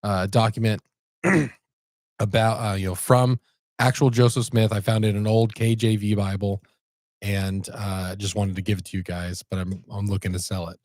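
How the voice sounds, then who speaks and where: A man's voice: fairly low pitch, flat delivery, moderate pace, darkish tone, no echo. A man co-hosting a podcast, casually retelling a story in a rambling, laid-back way with lots of fillers. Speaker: podcast co-host.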